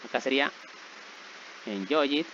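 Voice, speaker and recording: A man's voice: medium pitch, expressive, a little slow, bright, forceful tone, a little hiss or hum. Patient man teaching, slightly dull recording. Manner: patient, repeats checks like "¿verdad?" and "¿sí?". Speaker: English teacher. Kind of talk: explaining grammar rules.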